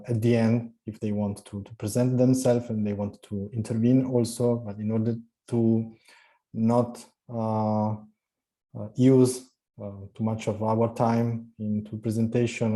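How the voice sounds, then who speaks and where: Dark-voiced hesitant man moderating. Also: mid-range voice. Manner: hesitant, many fillers. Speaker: seminar moderator. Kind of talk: online seminar hosting. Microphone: video call.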